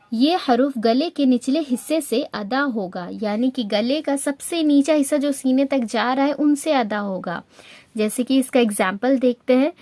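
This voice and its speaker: A woman teaching Quran recitation rules patiently, step by step, slowing down to recite the example words. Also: high-pitched, dry recording. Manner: patient, explains step by step, mixes in English words. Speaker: tajweed teacher. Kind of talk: spoken Urdu lesson with slow recited examples.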